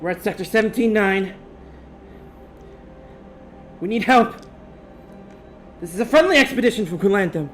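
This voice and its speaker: Man acting a panicked, high-strained stranded spacefarer. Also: lively intonation, normal speed, pauses often, a bit bright, faint music behind. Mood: panicked, pleading. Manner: frantic, pleading, raised voice. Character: panicked stranded male expedition member begging for rescue. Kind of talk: tabletop game role-play.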